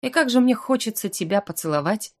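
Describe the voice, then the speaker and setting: A woman's voice: a little high, expressive, a little fast. Teasing incubus man, purring, playful, seductive magic teacher, storybook audiobook, read by a woman.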